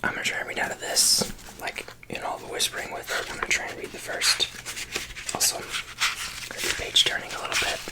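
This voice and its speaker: A person whispering in a breathy, unvoiced ASMR style close to the microphone, chatting casually in a halting, self-conscious way. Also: rough recording. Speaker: ASMR video host.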